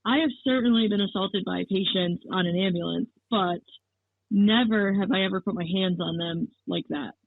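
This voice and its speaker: A podcast guest talking about working on an ambulance in a quick, matter-of-fact way with "like" fillers. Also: medium pitch, gravelly, dry recording. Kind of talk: casual podcast chat. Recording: tinny dry phone-like line.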